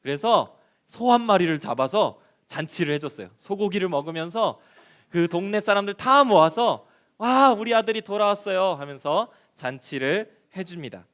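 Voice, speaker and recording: Animated man telling kids a Bible story. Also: sits high, moderate pace. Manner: animated, asks children questions. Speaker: children's pastor. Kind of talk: children's sermon storytelling.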